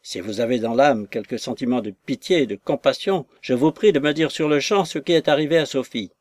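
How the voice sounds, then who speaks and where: A man voicing a frantic, lovesick young gentleman who demands answers in an urgent, exclaiming voice. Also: medium pitch, fairly quick, no echo, natural voice.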